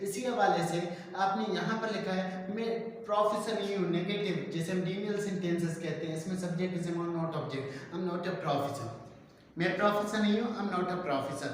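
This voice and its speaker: A man teaching a basic English grammar lesson, explaining step by step and drawing out the example sentences slowly. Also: high-pitched. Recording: very echoey room, voice far from mic.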